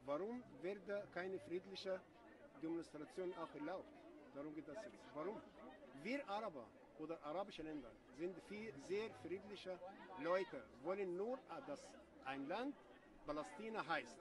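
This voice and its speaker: A middle-aged man from Egypt, interviewed on a city street at a protest, talking haltingly with many fillers. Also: high-pitched, expressive. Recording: distant voice over crowd noise.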